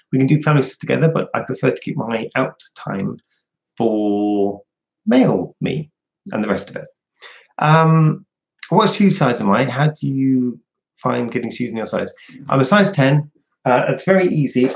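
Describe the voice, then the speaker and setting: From home, a man hosts a casual livestream, chatting frankly and answering viewer questions. His medium-pitched voice has vocal fry, and the indoor home stream audio sounds dull and lo-fi.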